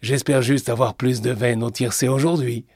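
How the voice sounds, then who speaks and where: A man's voice: mid-range voice, steady tone, normal speed, a little mellow, breathy edge, dry recording, clean studio sound, pitched above the performer's own voice. A man voicing a kindly, teasing old grandfather with a bad back. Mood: amused. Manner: playful, amused.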